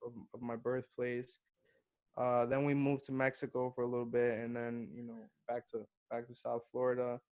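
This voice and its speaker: A young man from Guatemala chats loosely as a podcast guest, keeping his pitch level and even. He drops casual swears and keeps saying bro. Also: moderate pace, clean tone, dull audio. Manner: laid-back, swears freely, calls the host bro. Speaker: podcast guest, hip-hop artist. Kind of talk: casual interview chat.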